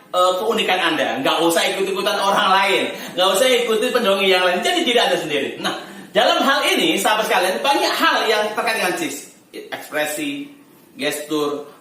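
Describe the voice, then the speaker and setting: A bright, high-voiced man leads a storytelling lesson in a chatty, laughing way, his pitch swinging up and down. He stands a little away from the mic, and the room rings with strong echo. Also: lively intonation, brisk. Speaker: storytelling teacher. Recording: echoey room from far off.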